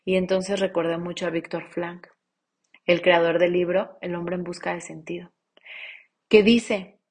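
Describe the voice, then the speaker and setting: A woman with a Mexican accent, in her thirties, giving a casual motivational talk, blunt and profane, swinging between loud urging and hushed pleading. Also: fairly low pitch, level tone, measured pace, breathy edge. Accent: Mexican Spanish. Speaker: self-help coach.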